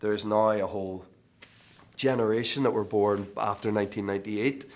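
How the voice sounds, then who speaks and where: A man's voice: fairly low pitch, steady tone, normal speed. A man in his thirties with a Northern Irish accent, a guest speaking casually in an interview with many fillers and restarts. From Northern Ireland. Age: 30s. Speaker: actor guest.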